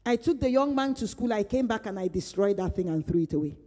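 A woman's voice: mid-range voice, lively intonation, fast, mellow. A woman pastor teaching a conversational Bible study. She speaks earnestly, repeats phrases for emphasis, and retells her own prayers aloud. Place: church hall. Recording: reverberant church hall.

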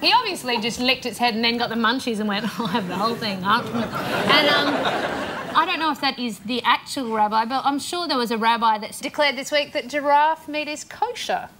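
A woman's voice: sits high, normal speed, a crowd in the background. A woman, a team captain on a comedy panel show, talking in giggly, bubbly banter. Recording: studio audience and noise.

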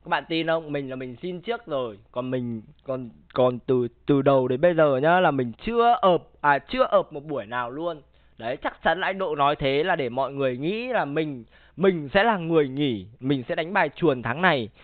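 A man with a high voice talks loosely to his viewers, circling back on himself and pleading to be understood. The sound is thin and tinny, like a phone line, and it is completely dry. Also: animated, normal speed, no room sound. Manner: rambling, profane, pleading with the audience. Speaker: streamer reacting with friends. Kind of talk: casual chat.

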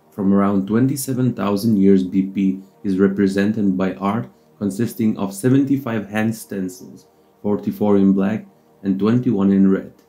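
A man reads a documentary script in a low, very dark and mellow voice. His delivery is steady and measured, with slightly non-native phrasing. Faint music plays beneath the narration. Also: rough recording.

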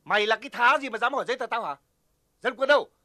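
Brief: a pompous village security chief, high bright voice, lively bossy delivery. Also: male voice, racing. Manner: bossy, barking orders. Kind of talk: Vietnamese film drama acting.

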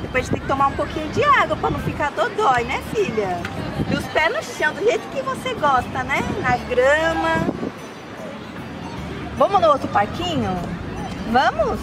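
A Brazilian woman playing a calm young mother in a comedy sketch, speaking softly and coaxingly in an outdoor park. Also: sits high. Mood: relaxed. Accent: Brazilian Portuguese. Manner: soft, unhurried, coaxing. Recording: loud park crowd and music. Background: crowd noise and music.

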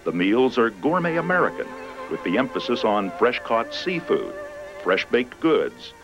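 A man giving scripted promotional narration for a cruise, with a smooth, inviting delivery. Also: medium pitch, big pitch swings, measured pace, dull audio, music in the background.

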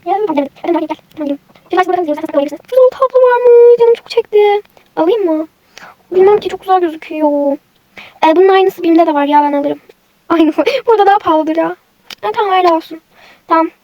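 A woman's voice: very high-pitched, fast, warm tone, dry recording, muffled recording. A woman hosting a chatty toy game role-play, switching between characters. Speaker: role-play channel host.

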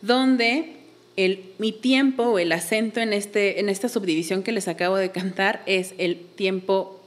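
A woman's voice: mid-range voice, fairly even intonation, moderate pace. A woman, a belly dance teacher, explaining patiently in a casual interview and counting beats aloud.

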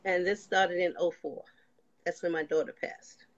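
A woman's voice: lowish voice, steady tone, moderate pace. An older woman giving a personal faith testimony as a guest, telling her story and acting out past conversations. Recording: slightly dull lo-fi sound.

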